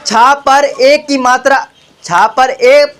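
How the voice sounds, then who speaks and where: A young man speaking in an extremely high, fairly bright voice at a slow pace works as a tuition teacher, drilling his pupils with repeated call-and-response questions and calling them beta. The classroom lesson takes place among children, and the noisy recording has clicks.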